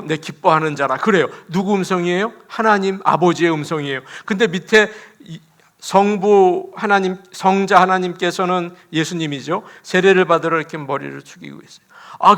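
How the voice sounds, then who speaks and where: A man, a pastor, preaching an animated sermon in a church, laughing as he talks and acting out quotes. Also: high-pitched.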